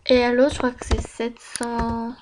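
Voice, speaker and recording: A woman's voice: on the high side, monotone, a little slow, background noise. A woman YouTuber chatting casually over a screen recording at home, rambling with many fillers and self-mocking asides. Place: at home at her computer.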